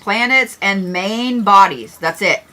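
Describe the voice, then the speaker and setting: A woman's voice: medium pitch, slow pace, sharp tone. A middle-aged woman hosting an astrology livestream, chatting casually and joking with viewers, with the odd swear word.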